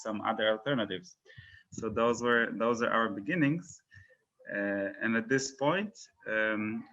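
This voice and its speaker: A man's voice: medium pitch, sharp tone, highs cut off. A man from Poland, founder of an education company, talking casually in an interview with many fillers and restarts.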